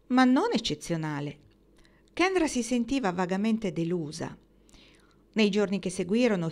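A woman reading a novel aloud in a measured, expressive way. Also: fairly low pitch. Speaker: audiobook reader.

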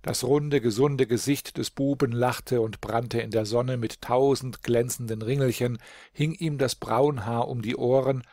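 A man reading a fairy tale aloud as an audiobook narrator, in a calm, measured storytelling manner. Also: medium pitch, no room sound, studio quality. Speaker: audiobook reader.

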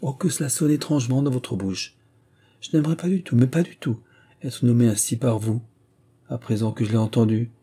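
A man's voice: medium pitch, dark tone, husky, voice pushed up. Man putting on a teasing young princess's voice. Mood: playful. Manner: playful, chattering, quick retorts.

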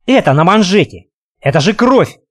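Indignant young woman, read by a man, accusing and shrill, audiobook. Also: big pitch swings, normal speed, a bit bright, heavily acted. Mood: alarmed. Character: female fighter, young, indignant and frightened.

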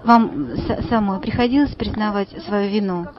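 A woman radio correspondent asking passers-by brisk, direct questions in a street interview. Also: medium pitch, heavy background noise. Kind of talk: street vox-pop interview. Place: city street outdoors. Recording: lo-fi street recording with crowd.

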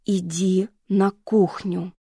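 A blunt, wounded mother barks orders in a hoarse, husky voice, as a woman reads her in an audiobook. Her pitch stays flat and her tone is mellow. The sound is close and dry. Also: a little slow, dry recording. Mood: commanding. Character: tough wounded middle-aged mother, blunt.

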